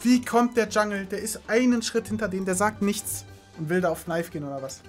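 A young man playing a video game on team voice chat, excitable and panicky, swearing crudely in casual callouts. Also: sits high, brisk. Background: video game sounds and music.

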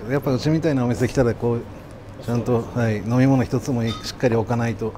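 Fast-talking Japanese restaurant chef, a man. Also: medium pitch, steady tone. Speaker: sushi chef and restaurant owner. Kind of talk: casual polite talk with customers and staff at work. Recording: clear kitchen and restaurant background noise.

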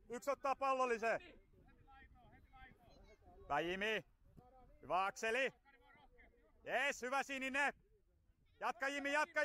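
High-pitched, bright-voiced man shouting from the sidelines. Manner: loud, rapid encouragement and instructions. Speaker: youth football coach. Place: outdoor football pitch.

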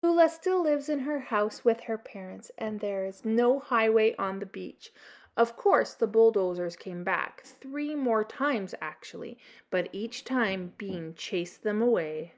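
A middle-aged Canadian woman with a mid-range voice reads a children's story aloud at a measured pace. Her delivery is expressive, in a storytelling style.

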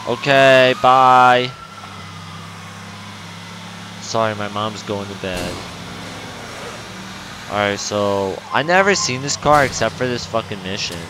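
A young man chats loosely over his gameplay. He swears a lot and drifts from thought to thought in street slang. His voice sits a bit low, with faint background noise. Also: a little slow, long pauses. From New York. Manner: slangy, profane, rambling. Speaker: let's play gamer. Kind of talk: casual gameplay commentary. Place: at home.

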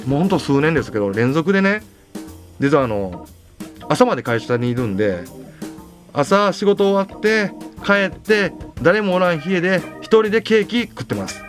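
A young man with a Tosa accent hosts a radio show, his voice rising and falling in a lively, amused way. Soft music runs under his talk. His pitch sits a little above most men's. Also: normal speed. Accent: Tosa dialect of Kochi. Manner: chatty, amused. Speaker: radio host.

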